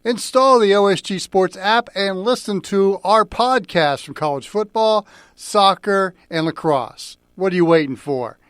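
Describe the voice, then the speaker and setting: This sports radio host, an American man, delivers a college football round-up of news and previews, partly read from a script. He sits high in pitch, speaks at a measured pace, and sounds a bit bright and smooth in a clean studio recording with no room sound.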